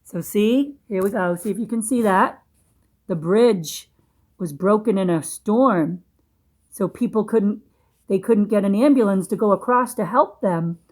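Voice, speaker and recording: The tone is darkish and the pitch medium as a woman reads a storybook to small children. Like a teacher, she pauses to ask questions and lay things out in simple terms.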